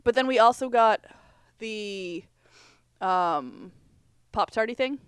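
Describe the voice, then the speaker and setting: A woman's voice: a little high, expressive, slow, a bit bright, clear, resonant tone, no echo. A woman co-hosting a casual podcast, telling anecdotes in an emphatic, conversational way. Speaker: podcast co-host. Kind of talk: casual chat, personal anecdotes.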